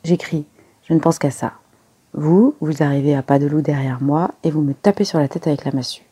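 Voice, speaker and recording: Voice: medium pitch, steady tone, brisk, warm tone, husky, lightly acted. A reader voicing a fussy, self-satisfied little male detective who coaxes and explains with precise, playful instructions. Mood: demonstrating. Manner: precise, coaxing, fond of little jokes.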